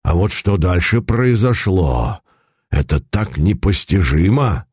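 A man's voice: sing-song, slow pace, darkish tone, slightly rough, dry recording, clean studio sound, full character voice. Man doing a grumbling old millionaire merchant. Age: older. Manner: low grumbling.

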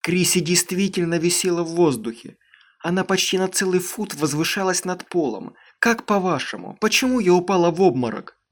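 Guy doing a freaked-out teen girl, shrill and pleading, audiobook style. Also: normal speed, few pauses, lightly acted. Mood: desperate. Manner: shrill, pleading, near hysterical. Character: desperate, frightened teenage girl.

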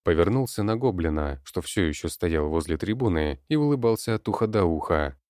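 Deep-voiced male storyteller. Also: animated, a little fast, darkish tone, no echo, clean studio sound. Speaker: narrator. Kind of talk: audiobook narration.

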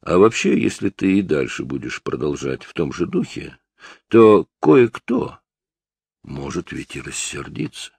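A man with a low, gravelly voice playing a patient police detective who questions a suspect steadily. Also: big pitch swings, measured pace, darkish tone, dry recording, full character voice.

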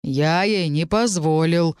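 A dignified male dragon, voiced by a woman narrator, speaks with calm, lightly mocking dignity in a slightly lower voice. He sounds like a storybook creature. The recording is dry. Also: takes it slowly, clean tone, no room sound.

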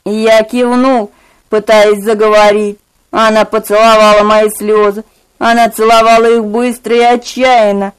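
Woman, audiobook narrator, smooth clear voice, slightly high, steady measured reading. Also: low-quality recording. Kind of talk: scripted narration.

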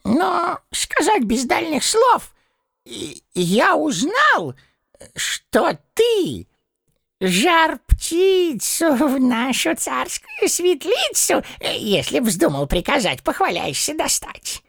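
A man voicing a hot-tempered old tsar who blusters, mocks and shouts threats in a shrill, strained voice. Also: huge pitch swings, very slow, vocal fry, no room sound, studio quality, exaggerated voice. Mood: menacing.

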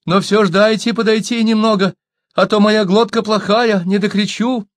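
A man voicing a cowardly, fat male captive who whines, begs and flatters in a shrill voice. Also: moderate pace, no echo, studio quality, close to an everyday voice. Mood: fawning. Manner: shrill, whining, fawning.

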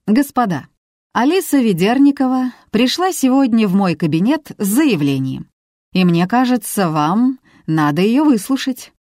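A woman's voice: a little high, sing-song, moderate pace, darkish tone, no room sound, studio quality, voice pushed up. A woman voicing a formal, confident man, a newly appointed police chief, in an audiobook reading.

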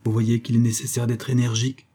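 Jeune homme persuasif, lu par un homme, voix voilée, paroles pressantes, livre audio. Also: male voice, medium pitch, level tone, brisk, mellow, slightly rough, close to an everyday voice. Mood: conspiratorial. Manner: insistent and coaxing. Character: jeune séducteur calculateur et persuasif.

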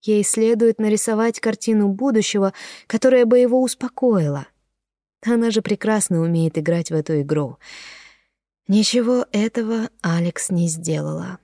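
A woman narrating an audiobook in a measured storytelling manner. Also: mid-range voice, mellow, dry recording, studio quality. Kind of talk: scripted narration.

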